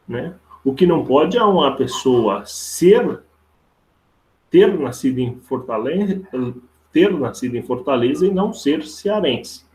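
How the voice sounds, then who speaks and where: A Brazilian man with a creaky, medium-pitched, somewhat dark voice teaches a live online logic lesson step by step. He's informal, repeats himself, and checks for agreement with tag questions, and the class audio is roomy and echoey.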